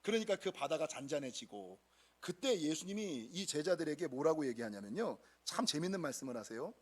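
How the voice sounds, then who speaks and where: A man's voice: a little high, a little fast, husky. A middle-aged male pastor preaching a sermon, addressing the congregation directly and acting out quoted voices. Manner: animated, acts out quoted voices.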